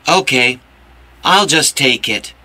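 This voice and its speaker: A man voicing a slow, bright textbook shopper. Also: mid-range voice, heavily acted. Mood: polite. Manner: slow, carefully enunciated textbook English. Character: man shopping or serving, plain and polite. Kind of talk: scripted textbook listening dialogue.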